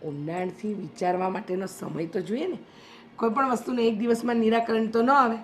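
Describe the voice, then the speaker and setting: An actress playing a sly friend who gives scheming, evasive advice, with a Gujarati accent. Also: female voice, a little high, fairly quick, faint music behind, lightly acted.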